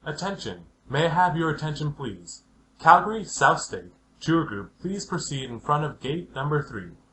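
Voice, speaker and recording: A man's voice: on the high side, big pitch swings, normal speed, fairly bright tone. A man reading a scripted public address announcement in a formal, polite manner, heard slightly distant after a chime. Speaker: airport and cabin announcer.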